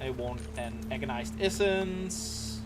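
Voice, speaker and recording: Over loud music, a man with a Danish accent talks through a game on a live stream in a mid-range voice with lively intonation, taking it slowly. His casual commentary rambles and explains as he plays, full of ums and restarts.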